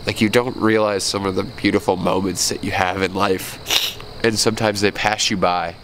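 Recorded roughly on a handheld camera at arm's length, a young man in his twenties vlogs outside at night as crickets sound behind him. His nose is stuffed up, and he rambles earnestly and reflectively, restarting often. The low-pitched voice is a bit bright, fairly even in intonation, and at normal speed, with slight background noise.

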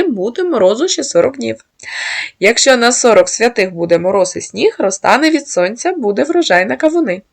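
Female narrator, scripted read, lively pitch, gravelly edge. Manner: measured reading aloud of folk sayings. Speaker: channel host and narrator.

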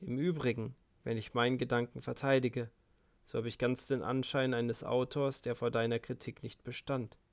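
A man reading the part of a brooding, ironic young intellectual who speaks in a measured, wry way. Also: medium pitch, level tone, vocal fry, lightly acted.

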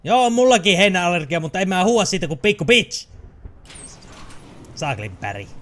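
Young guy yelling at a video game, a bit high-pitched, super bouncy, game noise faint in the back. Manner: excitable, jokey, shouts at the game. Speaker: let's play host. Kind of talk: casual gameplay commentary.

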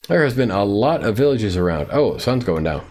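A man's voice: on the low side, sing-song, moderate pace, a little mellow, soft background music. Playful male gaming streamer. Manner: talks to the game animals, playful. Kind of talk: live gameplay commentary.

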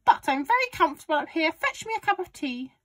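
A woman voicing a cantankerous, boastful old grandmother from a children's storybook, shouting and scolding. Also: very high-pitched, big pitch swings, fast talker, no room sound, clean studio sound, voice pushed up. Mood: bossy. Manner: shouting, accusatory, crowing.

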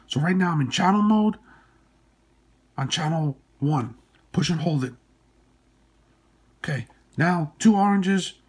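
A man with a hoarse, stuffy-nosed voice after surgery, giving informal step-by-step instructions in short, plain phrases. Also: a little high. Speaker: tutorial presenter. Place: indoors at a workbench.

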